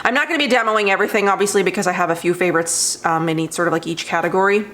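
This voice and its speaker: A woman's voice: fairly low pitch, rapid-fire, fairly bright tone. A young woman chatting casually to camera as a beauty vlogger at home, rambling with many fillers. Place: home room with cats.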